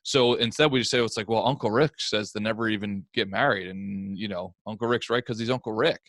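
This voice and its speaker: A man's voice: lowish voice, brisk, fairly bright tone, no room sound. A man hosting a podcast, talking in a casual, earnest and emphatic way. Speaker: podcast host.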